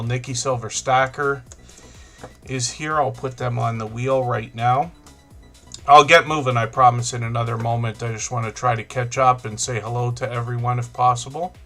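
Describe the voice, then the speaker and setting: A middle-aged man hosts a live stream in a casual, rambling way, greeting viewers one by one. His voice is bright and forward. Soft music plays faintly behind him. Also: medium pitch, creaky. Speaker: livestream host.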